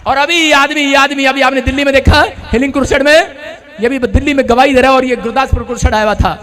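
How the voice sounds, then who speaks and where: A man preaching to a crowd, shouting and acting out the people in his stories. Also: very high voice, steady tone, quick pace. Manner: shouting, dramatic storytelling, acting out quoted people. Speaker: pastor.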